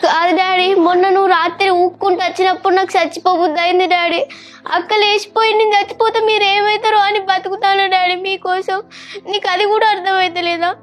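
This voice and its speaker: In this family web drama, the actress's pitch is extremely high and her tone level as she rushes through the lines. She voices a distressed young daughter in Telangana Telugu dialect, urgently reproaching her father for drinking. Soft music sits behind her.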